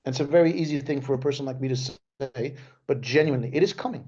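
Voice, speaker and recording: The recording is muffled, and his medium-pitched voice is husky, a little mellow, and quick. A guest speaker and tech executive raised in Denmark, he talks conversationally on a remote webinar call through a video call mic, restarting phrases and tacking on "right?"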